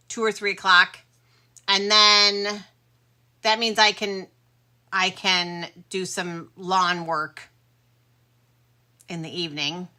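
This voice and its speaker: A woman's voice: medium pitch, bright, forceful tone. A middle-aged woman hosting a casual live stream, chatting with viewers and sounding tired. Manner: chatty, friendly sign-off to viewers. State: tired, yawning. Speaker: livestream host selling pearls. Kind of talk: casual livestream chat.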